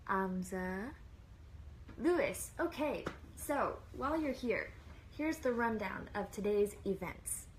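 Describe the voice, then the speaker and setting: A woman's voice: mid-range voice, a little hiss or hum, low-quality recording. A woman hosting a casual live stream from a plain room, chatting and greeting viewers one by one by name.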